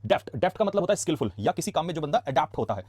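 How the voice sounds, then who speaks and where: A man with an Indian accent teaching English vocabulary in a casual classroom style, asking quick questions and answering them himself. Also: on the high side, sing-song, a little mellow, slightly rough. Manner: rapid, chatty, asks quick questions then answers them. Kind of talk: casual classroom lesson explaining words.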